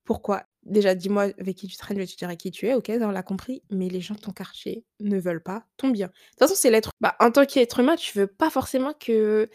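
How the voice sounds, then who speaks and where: A woman's voice: medium pitch, fairly quick, hardly any pauses, a little mellow, dry recording, studio quality. A young woman from France chatting casually as a podcast host, giving emphatic advice with lots of fillers.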